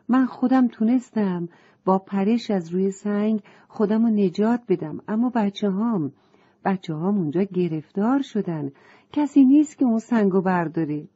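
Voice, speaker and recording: A woman's voice: high-pitched, mellow, highs cut off, pitched above the performer's own voice. A woman voicing a worried mother fish in a children's storybook, speaking in a pleading, upset way.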